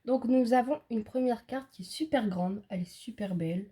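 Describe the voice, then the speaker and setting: Soft, husky woman describing items. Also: fairly high pitch, moderate pace. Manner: hesitant, describes items with many fillers. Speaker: co-presenter showing cards. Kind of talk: casual show-and-tell.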